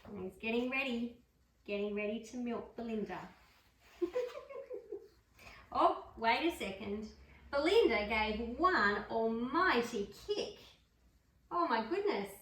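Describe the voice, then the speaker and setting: A woman reading a picture book aloud to a dog, adding gentle chatty asides between pages. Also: on the high side, lively intonation, a little slow. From Australia. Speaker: storybook reader. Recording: roomy room, mic far off.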